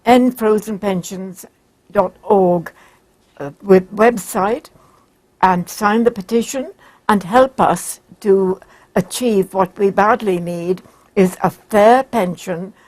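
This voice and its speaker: A woman, a very old woman speaking formally and haltingly in a studio interview. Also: mid-range voice, darkish tone. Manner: halting, formal, carefully worded. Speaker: campaigner interviewed as guest. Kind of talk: broadcast interview. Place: broadcast studio.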